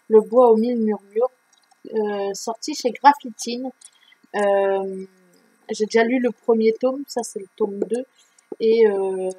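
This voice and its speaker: A woman's voice: fairly high pitch, a little mellow, poor audio. Chatty book vlogger woman. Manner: chatty, many fillers and restarts. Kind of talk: casual reading-list vlog.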